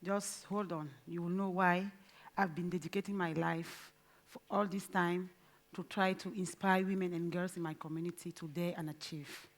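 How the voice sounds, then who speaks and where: A woman in her forties from Cameroon, with a Cameroonian accent, giving an earnest, deliberate conference speech and pausing mid-phrase. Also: lowish voice, steady tone. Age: 40s. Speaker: conference speaker. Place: conference stage.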